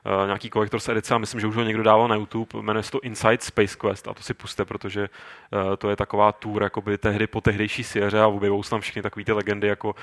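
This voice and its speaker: A man chatting on a gaming podcast, rambling through restarts and getting animated when he makes a point. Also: fairly low pitch, no echo, clean studio sound. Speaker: podcast co-host. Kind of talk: casual chat about games.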